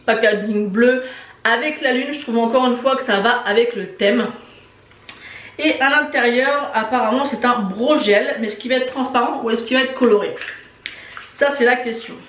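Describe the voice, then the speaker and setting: A woman's voice: on the high side, fairly bright tone, recorded from a distance. A woman vlogger doing a casual beauty box unboxing, chatty and enthusiastic, with many fillers. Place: indoor room with shelves of lipsticks behind. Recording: echoey room.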